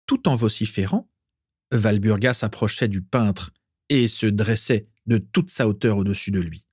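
A man narrating an audiobook with expressive, dramatic storytelling. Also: on the low side, unhurried, husky, no echo, clean studio sound. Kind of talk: audiobook reading.

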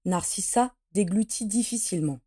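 A woman narrating a fantasy story in a steady, measured audiobook reading. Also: mid-range voice, breathy edge. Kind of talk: audiobook narration of fan fiction.

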